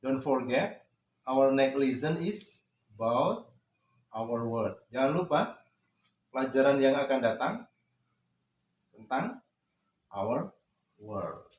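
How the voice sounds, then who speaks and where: A man's voice: mid-range voice, animated, takes it slowly, pauses often. A man with an Indonesian accent teaching an English lesson to a class, switching between English and Indonesian and quizzing the students. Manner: mixes English and Indonesian, asks class questions. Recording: echoey classroom.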